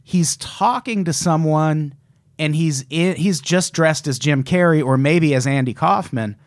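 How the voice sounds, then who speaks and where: A man's voice: fairly high pitch, measured pace, dry recording, clean studio sound. A man co-hosting a casual podcast chat, telling a story with lots of swearing and quoting people in passing voices. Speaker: podcast co-host.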